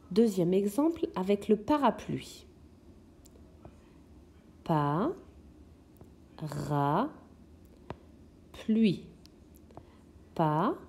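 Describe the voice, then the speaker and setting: A woman's voice: lowish voice, dark tone, slightly rough. A woman teaching young children in a recorded lesson, patiently sounding out words syllable by syllable. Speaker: kindergarten teacher.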